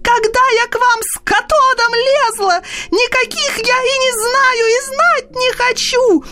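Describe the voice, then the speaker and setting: A woman doing Marya Sergeevna, high and coy. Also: fairly even intonation, unhurried. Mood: shrieking. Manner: coy, flustered, then shrill and offended.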